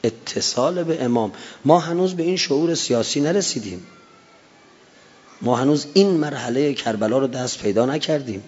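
A man preaching a religious sermon with impassioned emphasis, swelling to drawn-out chanted phrases. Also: medium pitch, darkish tone, breathy edge. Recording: dull lo-fi recording in a reverberant hall.

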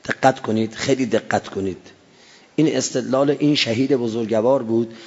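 A man preaching a religious sermon with impassioned emphasis, swelling to drawn-out chanted phrases. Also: medium pitch, darkish tone, breathy edge. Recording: dull lo-fi recording in a reverberant hall.

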